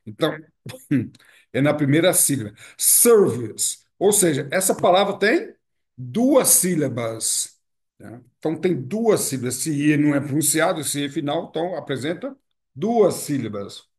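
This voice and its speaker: A man's voice: on the high side, big pitch swings, moderate pace, darkish tone. A man from Brazil with a Brazilian Portuguese accent, teaching an online pronunciation lesson, explaining patiently and repeating key words with frequent tag questions.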